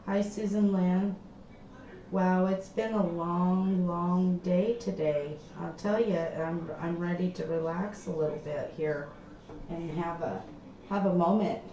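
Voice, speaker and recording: A woman hosting a casual livestream from her craft room, chatting slowly and trailing off, her voice hollow and tinny like inside a tin can. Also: lowish voice, steady tone, dark tone. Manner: slow, chatty, trailing off mid-sentence. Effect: hollow tinny sound, like inside a tin can. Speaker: livestream host. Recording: echoey, dull lo-fi stream audio with faint background noise.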